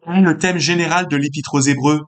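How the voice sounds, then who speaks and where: A man's voice: on the high side, steady tone, a little fast. A man interviewing a guest with brief, direct questions.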